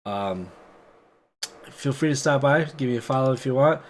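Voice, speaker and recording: A man's voice: medium pitch, lively intonation, moderate pace, slight background noise. A man chatting casually as a streamer and player in a tabletop game.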